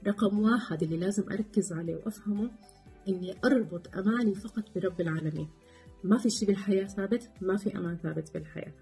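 Woman, warm voice, rapid calm advisor, faint guitar underneath. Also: medium pitch. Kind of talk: reflective talk on coping with loss.

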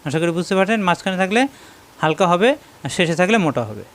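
A man with a Bangladeshi Bengali accent leads a question-and-answer lesson, his voice pitched high for a man. He takes his time and goes over each term again and again so learners can memorize it. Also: expressive. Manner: slow, drilling, repeats key terms. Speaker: Quran teacher.

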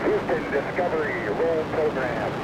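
A man's voice: a little high, animated, measured pace, heavy background noise. A man on the shuttle crew giving terse replies over a distant space-to-ground radio link. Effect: distant space-to-ground radio transmission.

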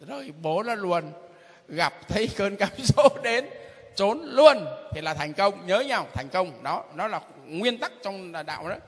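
A man's fairly high, husky voice rings through a hall with a long echo as he teaches like a priest. He is middle-aged and emphatic, hammering phrases again and again and chuckling between points. His pitch swings widely from line to line. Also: expressive, a little slow. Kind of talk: informal catechism teaching.

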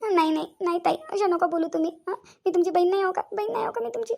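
Speaking very fast in a very high, creaky, slightly mellow voice, a woman acts in an amateur family drama as a tender, earnest young married village woman. Her tone is tender and consoling, her accent Varhadi Marathi from Vidarbha, and she repeats phrases in an emotive, pleading manner.

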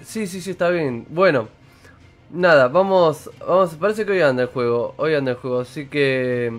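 A man's voice: fairly high pitch, animated, moderate pace, soft background music. A man in his thirties with an Argentine accent, chatting casually on a live game stream and greeting viewers. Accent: Argentine Spanish. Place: indoor room with purple lighting.

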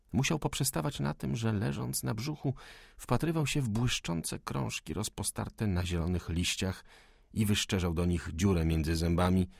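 A male audiobook narrator reads classic prose in a measured, steady storytelling manner. His voice is husky and gravelly. The recording is close and dry, with no room echo. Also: fairly low pitch.

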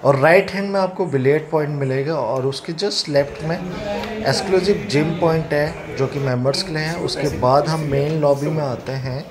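A man's voice: on the high side, moderate pace, a crowd in the background. A man in his thirties with an Indian accent, giving chatty tour-guide commentary for a travel vlog, filmed on a phone held at arm's length. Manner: chatty tour-guide commentary, mixing English words into Hindi. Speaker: travel vlogger host. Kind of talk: casual travel vlog narration. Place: in a car, then outdoors by a lake and inside a wooden club. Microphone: phone camera at arm's length. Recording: noisy phone recording with car and street noise.

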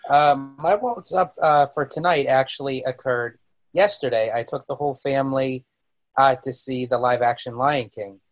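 Man chatting haltingly on a podcast. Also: medium pitch, faint music behind. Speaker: podcast panelist. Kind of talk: casual chat.

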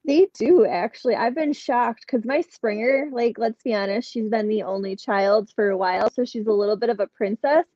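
A middle-aged woman guests on a podcast via video call from a room in her house, telling stories in a bright, casual interview. Her warm voice sits on the high side, moving at normal speed with hardly any pauses. The webcam recording is dry, dull and lo-fi.

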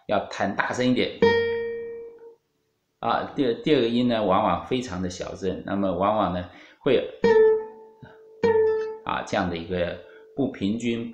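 A man with a fairly low voice and a Taiwanese Mandarin accent gives a guitar lesson. He explains patiently, with many fillers and a few English music terms. The room sounds roomy, and guitar music plays faintly at times. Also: moderate pace, pauses often. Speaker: guitar teacher.

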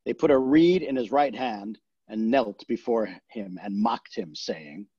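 A man reading a scripture passage aloud in a worship service, with a measured, solemn delivery. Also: medium pitch, dark tone, husky, no echo, dull audio. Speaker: scripture reader.

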